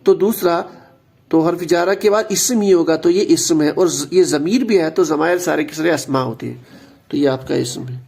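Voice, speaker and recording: A man's voice: fairly high pitch, vocal fry, darkish tone, breathy edge. A man teaching an Arabic grammar lesson, patient and explanatory, repeating key words and slipping in English terms.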